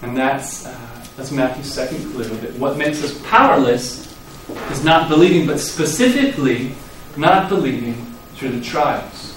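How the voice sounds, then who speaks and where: A man's voice: medium pitch, a little slow, distant mic, slight background noise. Man preaching in an echoey hall. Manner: lively storytelling, acting out quoted lines with sudden loud rises. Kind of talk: sermon.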